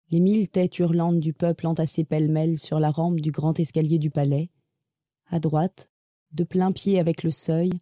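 A man reading a classic novel aloud in measured, sober first-person narration. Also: a little high, warm tone, no echo, studio quality.

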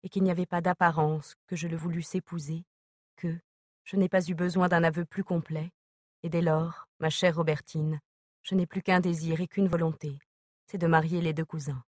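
A woman reading a novel aloud as narrator, in a measured, even manner. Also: lowish voice, dry recording, clean studio sound. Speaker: audiobook narrator.

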